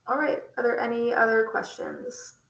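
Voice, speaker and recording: Flat-voiced young woman chairing a meeting. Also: fairly high pitch, reverberant, highs cut off. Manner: brisk, procedural.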